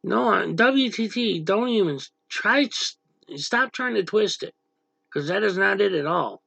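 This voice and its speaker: In a dim room at home during a power outage, a man hosts a casual livestream, reading viewer comments in a gravelly, high-pitched, bright and pushed voice. He's animated yet a little slow, speaking bluntly and snapping irritably at chatters who annoy him, with no echo.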